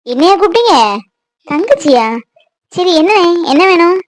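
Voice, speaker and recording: A woman voicing an emotional, affectionate young wife in a cartoon, tearful and excitable. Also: very high voice, normal speed, no room sound. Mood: panicked, crying. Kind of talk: Tamil cartoon voice acting.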